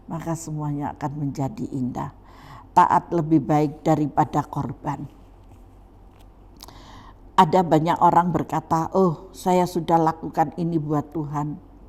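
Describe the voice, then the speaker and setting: Emphatic low-voiced woman pastor. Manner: emphatic, repetitive preaching with swings between loud and soft. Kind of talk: sermon.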